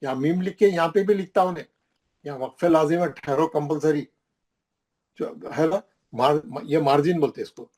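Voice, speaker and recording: A man leads a classroom lesson, his voice sitting a little high for a man. He talks in a steady, repetitive way and stresses key words again and again to drive each point home. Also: creaky. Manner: repetitive, emphatic, points at the page while explaining. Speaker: Quran recitation teacher. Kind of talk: classroom lesson explaining recitation rules.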